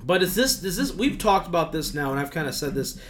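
Fast, animated male sports podcast host. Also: fairly high pitch, slight background noise. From Michigan. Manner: animated, talks fast in bursts, acts out quoted reactions. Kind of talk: casual sports podcast chat.

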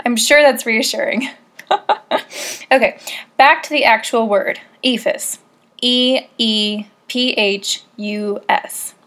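A woman with a slightly higher voice talks her way through a prepared monologue. She is chatty and wry, and pokes fun at herself as she goes. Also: fairly bright tone. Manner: wry, self-deprecating, chatty. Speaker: podcast host. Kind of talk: casual scripted monologue.

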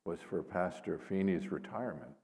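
Deep-voiced older man in reverberant church. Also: normal speed, darkish tone. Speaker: seminary professor and missionary pastor. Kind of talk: informal presentation to a congregation. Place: large indoor church space. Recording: reverberant church hall, long echo.

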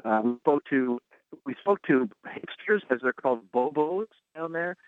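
A man's voice: on the high side, lively intonation, moderate pace, no echo. Man on a glitching, breaking-up phone line. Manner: blunt, joking. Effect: glitching, breaking-up phone audio. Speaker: radio guest on the phone. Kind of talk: casual phone-in chat. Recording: tinny phone line, dry.

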